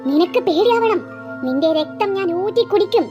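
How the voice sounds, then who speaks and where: A performer voicing a bloodthirsty ghost that has taken a girl's shape, speaking in slow, low, gloating threats. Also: lively intonation, a little mellow, faint music behind. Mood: menacing. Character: menacing ghost girl, bloodthirsty and sneering. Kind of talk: cartoon voice acting.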